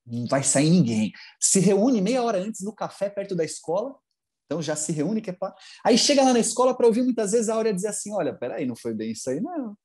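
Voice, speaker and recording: A man's voice: sits high, expressive, fast talker, darkish tone. A man, a psychologist giving a humorous talk to parents over a video call and acting out their voices.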